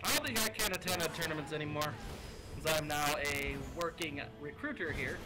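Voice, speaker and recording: A man's voice: fairly high pitch, brisk, music in the background. A man chatting casually with friends during a team game, easygoing and chatty. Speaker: teammate and friend. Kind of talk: casual gaming chat.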